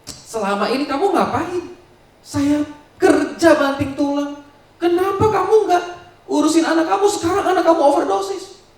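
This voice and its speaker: A furious grieving mother, as a preacher puts her on, yells her accusations in a shrill, pitched-up voice. The shouting rings through a big echoey church hall, heard from some way off the mic. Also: moderate pace, far from the mic. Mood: furious, accusing. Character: angry grieving mother, middle-aged, shouting at husband.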